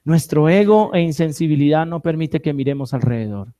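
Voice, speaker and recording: A high-voiced man preaches a sermon in a church, calling on the congregation and pulling answers from them. He moves from loud, stressed words to quiet, slow phrases. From Colombia. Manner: preaching with call-and-response to the congregation; animated, swinging between loud and soft. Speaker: pastor.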